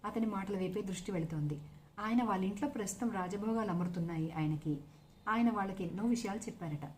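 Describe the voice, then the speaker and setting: A woman narrating a serialized novel aloud in a steady storytelling manner. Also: medium pitch, quick pace, a little hiss or hum.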